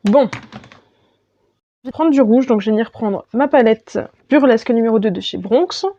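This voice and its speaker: A beauty vlogger walks through her makeup step by step in a voice-over, chatty and casual. Her voice is mellow and a little high, at a moderate pace, and the audio is dull.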